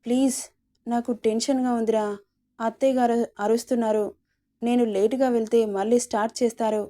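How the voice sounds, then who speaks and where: A woman's voice: a little high, mellow, natural voice. A woman voicing a scolding but affectionate young wife in a storybook reading, exasperated and pleading.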